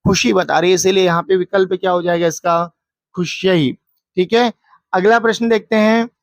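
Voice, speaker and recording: A woman Sanskrit teacher going through an exam paper, posing questions and answering them herself, and chanting verses slowly. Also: on the low side, steady tone, no echo. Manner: asks and answers her own questions; recites verses in a slow chant. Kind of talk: exam paper walkthrough lesson.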